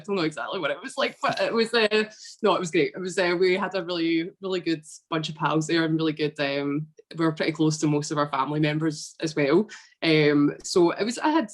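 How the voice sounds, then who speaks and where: Here a young woman from Scotland, in her twenties, chats loosely during a podcast interview. Her pitch sits fairly low and her pace is brisk, and she's relaxed and talkative, dropping fillers constantly.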